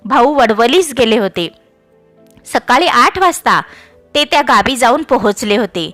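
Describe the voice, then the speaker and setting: A woman storyteller reading a classic tale in an expressive, measured way. Her voice sits fairly high and is recorded dry and close, with faint music underneath. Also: no room sound. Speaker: narrator.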